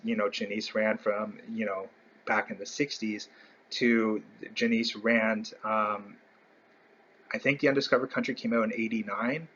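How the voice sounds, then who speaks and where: A man's voice: fairly low pitch, fairly bright tone, dull audio, slight background noise. A man hosting a casual fan video, rambling through a ranked list with many fillers and self-corrections. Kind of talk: casual ranking commentary.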